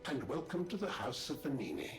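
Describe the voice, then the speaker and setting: A polite puppet butler. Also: male voice, mid-range voice, sing-song, fairly quick, creaky. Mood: courteous. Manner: formal, deferential salesman patter. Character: polite male puppet butler, formal and courteous. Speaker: major domo of a luxury shop. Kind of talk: video game character dialogue. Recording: roomy game audio with music behind.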